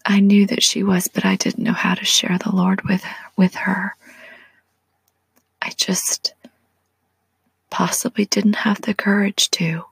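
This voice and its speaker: Slow breathy whispering woman in her forties. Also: mid-range voice, level tone, dry recording. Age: 40s. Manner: slow, soft and prayerful, speaks directly to the listener. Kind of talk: whispered devotional and guided relaxation.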